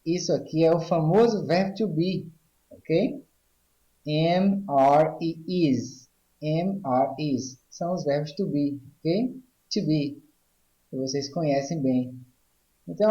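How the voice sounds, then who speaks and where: A man's voice: on the high side, warm tone, roomy sound, dull audio. A man with a Brazilian Portuguese accent teaching an online English grammar lesson, explaining step by step and often checking in with the class. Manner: explains slowly, checks in with "ok?" and "tá certo?".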